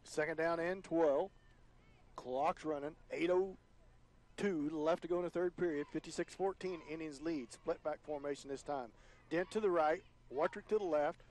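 A man calling high school football play-by-play on the radio, his voice climbing higher and louder on big plays. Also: normal speed. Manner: rises in pitch and volume on big plays. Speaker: play-by-play announcer.

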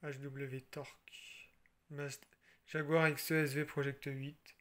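A man from France casually showing his toy car collection, chatty and relaxed, with frequent fillers and restarts. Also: a little high, takes it slowly, slight background noise. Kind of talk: casual show-and-tell.

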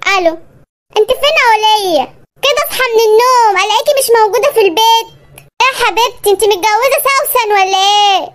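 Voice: extremely high pitch, fast, fairly bright tone, a little hiss or hum. A performer voicing a lazy, sweet-talking husband in a comic cartoon, with an Egyptian accent. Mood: wheedling. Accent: Egyptian Arabic. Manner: sweet-talking, wheedling, cheeky. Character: lazy, wheedling freeloading husband. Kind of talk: comic animated sketch.

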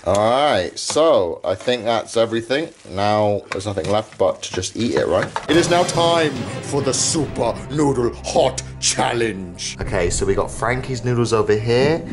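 A man's voice: mid-range voice, expressive, measured pace, hardly any pauses, music in the background. A British man hosting a home challenge with casual, playful, teasing commentary from behind the camera. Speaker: camera operator and challenge host. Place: indoors, home kitchen and dining room.

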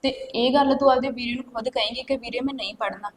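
A woman's voice: fairly high pitch, steady tone, fast talker, lightly acted. A woman with a Punjabi accent playing a strict village sister-in-law who scolds firmly in a Punjabi web drama. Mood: stern. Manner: scolding, firm. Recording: echoey room, faint noise.

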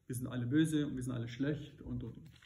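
A man's voice: medium pitch, fairly even intonation, a little fast, creaky, warm tone, slight background noise. A man preaching at a Bible study, earnest and questioning his listeners, rising to emphatic peaks. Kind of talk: sermon. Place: church hall. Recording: echoey room.

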